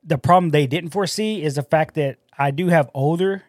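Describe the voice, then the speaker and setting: A man co-hosting a casual podcast, rambling through work stories in an animated way and swearing a lot. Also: on the high side, a little fast, no echo, studio quality. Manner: rambling, profane, animated storytelling. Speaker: podcast co-host and store manager.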